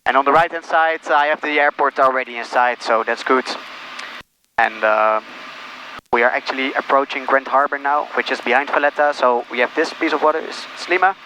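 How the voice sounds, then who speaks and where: Bright-voiced man talking from a cockpit. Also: mid-range voice, steady tone, fairly quick, low-quality recording. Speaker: pilot and vlogger. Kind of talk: casual cockpit commentary with pilot radio calls. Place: small aircraft cockpit in flight. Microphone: cockpit headset. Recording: cockpit headset with faint engine noise.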